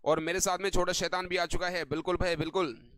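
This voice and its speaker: A man with a high, smooth, ringing voice runs an online vocabulary lesson. He keeps repeating stock affirmations and throws quick questions at his viewers. The sound is close and dry, with no room around it. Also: steady tone, a bit bright, dry recording. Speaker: English vocabulary teacher.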